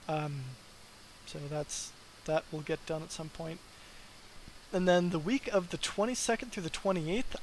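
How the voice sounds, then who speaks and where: Casting: young male dev streamer, slightly high voice, loose and rambling, light hiss behind. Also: poor audio. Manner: rambling, filler-heavy, tired. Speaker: mod developer streamer. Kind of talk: casual live stream chat.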